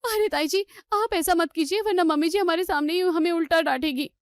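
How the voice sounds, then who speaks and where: Woman doing a nervous young daughter-in-law, high anxious voice, cartoon story. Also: brisk, no echo. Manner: anxious, pleading.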